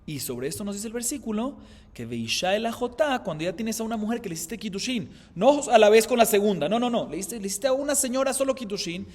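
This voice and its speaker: A man, a rabbi, teaching a Talmud class, explaining by asking and answering his own questions and chanting Aramaic quotations slowly. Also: sits high, animated, a little mellow, long reverb tail. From Colombia.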